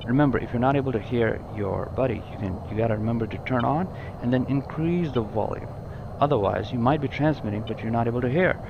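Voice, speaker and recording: A gaming tutorial presenter walks through a flight simulator cockpit, explaining informally and often repeating himself to make things clear. He is a fast talker with a mid-pitched voice, and the lo-fi recording sounds dull with clear background noise.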